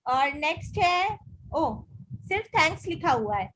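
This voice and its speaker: A woman's voice: extremely high pitch, big pitch swings, a little slow, fairly bright tone, slight background noise, rough recording. A young woman, an English teacher, reads viewer letters and answers them in an encouraging, casual mix of Hindi and English.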